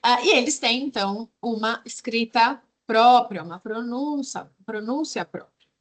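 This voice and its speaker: A woman's voice: fairly high pitch, measured pace. A woman with a Brazilian accent teaching English in a video lesson, explaining patiently and drilling words one by one. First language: Portuguese.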